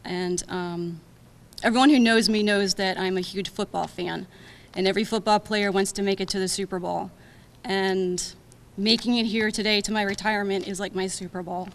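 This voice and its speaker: A woman's voice: mid-range voice, steady tone, moderate pace, slight background noise. A woman, a retiring police captain, giving a heartfelt, grateful farewell speech at her reception. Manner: heartfelt, grateful, gets emotional. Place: municipal reception room.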